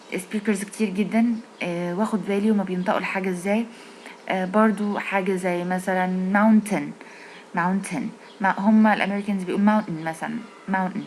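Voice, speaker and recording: A woman with an Egyptian Arabic accent teaching English in a casual video lesson, repeating English phrases slowly to explain them. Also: medium pitch, slight background noise, poor audio.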